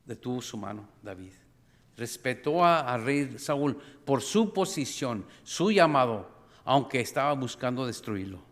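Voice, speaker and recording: A middle-aged man preaching a sermon as pastor, animated, acting out scenes with sudden cries and calling the congregation brothers and sisters. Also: mid-range voice, unhurried. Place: church sanctuary. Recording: long reverb of a church hall.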